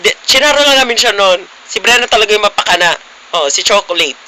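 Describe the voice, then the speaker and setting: A man's voice: high-pitched, animated, quick pace, pushed and bright, a little hiss or hum, rough recording. A young man vlogging casually, teasing his friends playfully with frequent giggles. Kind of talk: casual vlog chat.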